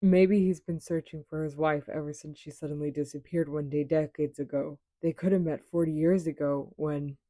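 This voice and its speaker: A woman voicing an earnest, polite, curious young actress in an anime fan dub, with theatrical, deliberate, formal phrasing. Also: sits low, steady tone, warm tone, no echo. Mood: pensive, absorbed.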